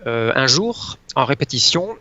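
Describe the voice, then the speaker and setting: A man presenting as an astrologer guest in casual talk, hesitant and often pausing to search for his words. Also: medium pitch, big pitch swings, pushed and bright, no echo. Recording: dull lo-fi sound.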